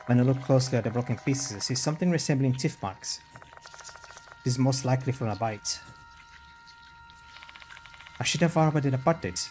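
A man's voice: medium pitch, moderate pace, long pauses, a little mellow, slight background noise, poor audio. A man streaming a game, reading its text aloud and adding casual commentary.

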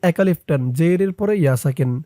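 A man with a Bangladeshi accent teaches Quran reading, breaking words into letters and reciting them slowly and drawn out. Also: mellow, no room sound, studio quality. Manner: spells out letters, then recites drawn out and higher. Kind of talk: slow syllable-by-syllable recitation lesson.

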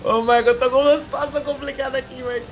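A man's voice: very high voice, little pitch movement, rapid-fire. A man chatting while gaming, repeating himself when under pressure. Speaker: gamer. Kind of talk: excited gaming chat. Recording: game music behind.

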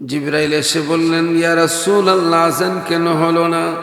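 A high, bright-voiced man delivers a chanted sermon and stretches every phrase into a slow melodic wail. His voice rings through a big echoey hall with a long reverb tail, and faint music sits underneath. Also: level tone, vocal fry. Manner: chants long drawn-out melodic phrases, then speaks in quick storytelling. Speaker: preacher. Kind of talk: sung Bengali waz sermon.

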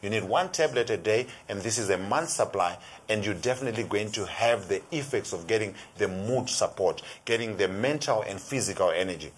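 A man's voice: on the low side, expressive, brisk, few pauses, a little hiss or hum. A middle-aged man with a South African accent, a health expert explaining a supplement on a TV shopping show, eager and talking in long runs with many "you know"s. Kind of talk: TV shopping product talk. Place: TV studio set.

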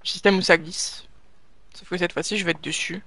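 A let's play gamer giving live gameplay commentary, thinking aloud and bursting into excited urging. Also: medium pitch, moderate pace, slightly rough, no room sound.

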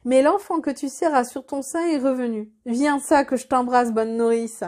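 A woman's voice: high voice, steady tone, normal speed, darkish tone, lightly acted. A woman reading an earnest young prince. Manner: solemn, formal storybook speech. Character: young male prince, humbled, earnest and noble.

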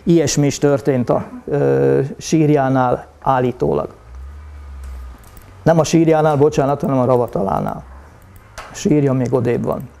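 Hesitant male history lecturer, mellow tone. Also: mid-range voice, fairly even intonation, vocal fry, pauses often. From Hungary. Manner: hesitant, frequent filler sounds; addresses audience formally. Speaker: university lecturer.

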